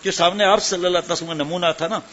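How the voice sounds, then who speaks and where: Guy preaching a sermon to a crowd, kinda high voice, keeps asking the listeners stuff, muffled lo-fi audio. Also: fairly even intonation, fairly bright tone, a little hiss or hum. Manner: questions the audience directly, mixes in English words. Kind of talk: religious sermon to a live gathering. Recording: dull lo-fi sermon recording.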